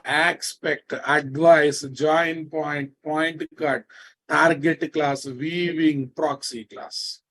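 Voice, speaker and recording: A man's voice: a little high, steady tone, drawn-out words, a bit bright. A man with a Telugu Indian accent giving a live programming lecture, repeating phrases and checking on his students with familiar, prodding questions. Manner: repetitive, questioning, scolding familiar address to students. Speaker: programming teacher.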